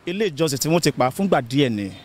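A Nigerian man interviewed outdoors on a handheld mic, talking rapidly. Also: fairly high pitch. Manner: rapid, animated. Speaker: street interviewee.

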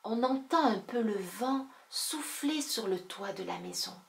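A woman reading a children's story aloud, slow and gentle, lifting her voice for the characters. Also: mid-range voice, lively intonation, creaky, reverberant, slight background noise.

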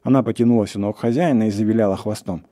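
In a steady, measured reading of a classic tale, a male narrator speaks in a low, deeply dark voice. It has a warm, mellow weight to it.

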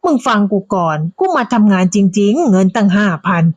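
A woman's voice: medium pitch, lively intonation, a little mellow, no echo, dull audio, lightly acted. Woman playing a weary old husband. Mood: weary, pleading. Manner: pleading, exasperated, slow.

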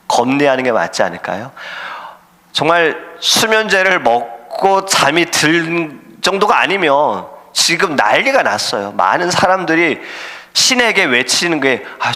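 A man, a senior pastor, preaching an earnest sermon at an early-morning service in a church. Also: fairly high pitch. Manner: earnest preaching, acts out shouting sailors and God's voice. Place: church sanctuary. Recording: hall reverb in church.

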